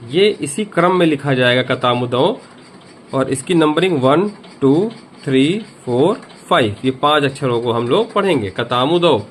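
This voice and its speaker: A man's voice: medium pitch, expressive, measured pace, a little hiss or hum. A man teaching a grammar lesson, repeating each point and asking the viewer questions. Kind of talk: grammar lesson explaining a memory trick.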